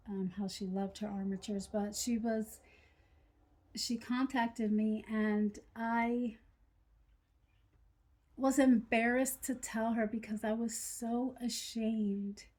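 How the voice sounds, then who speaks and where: A woman vlogger speaking slowly and earnestly to her viewers, over-pronouncing each word as she shares encouragement. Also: a little high, mellow. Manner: slow, deliberate, over-pronounced words. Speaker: doll collector vlogger. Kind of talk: heartfelt talk to camera.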